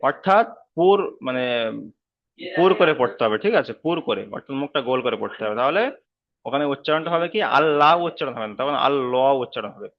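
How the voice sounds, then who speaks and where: A man's voice: medium pitch, lively intonation, fairly quick, highs cut off. A man teaching an online class on Quran reading, patiently repeating each rule and checking that students follow. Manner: patient, repeats rules many times, checks understanding. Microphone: video call.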